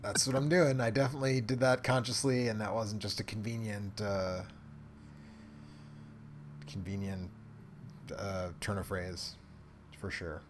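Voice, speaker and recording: A man's voice: fairly low pitch, fairly even intonation, measured pace, pauses often, a little hiss or hum. A man co-hosting a live stream, chatting casually in a wry, self-mocking way, often trailing off mid-sentence. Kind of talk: casual chat while watching a live stream.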